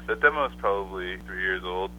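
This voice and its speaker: A man talking over the phone as a songwriter guest, relaxed and loose, with many fillers. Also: low-pitched, brisk. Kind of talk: casual phone interview. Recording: muffled phone line with faint hiss.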